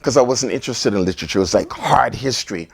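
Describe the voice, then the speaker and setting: A man's voice: medium pitch, expressive, quick pace, gravelly, husky, no room sound. A man from Trinidad and Tobago, a bookstore owner, answering interview questions in an earnest, grateful way. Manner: earnest, grateful, speaks in short flowing phrases. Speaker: bookstore owner, award recipient.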